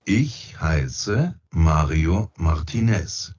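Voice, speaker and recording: A man speaking a scripted textbook dialogue very deliberately. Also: very deep voice, animated, a little mellow, husky. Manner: very slow, deliberate. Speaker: speaker in a language-course audio. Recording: muffled course audio played over a call.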